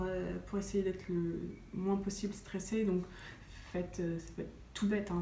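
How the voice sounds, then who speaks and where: A woman's voice: fairly low pitch, warm tone. Chatty woman vlogging in a roomy space. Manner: chatty, many hesitations. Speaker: wellness vlogger. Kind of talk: casual chat to camera. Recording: roomy sound with faint noise.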